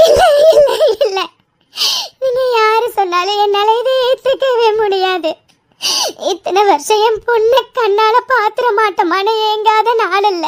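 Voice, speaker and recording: In a cartoon, an actor plays a grieving middle-aged mother with a shrill, very high voice. She sobs and pleads for her daughter. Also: unhurried. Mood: pleading, sobbing. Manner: sobbing and pleading.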